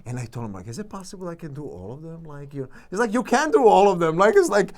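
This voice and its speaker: A guest actor with a Serbian accent chats casually in an interview, telling animated stories packed with fillers and restarts. His voice is a little high, and he talks fast.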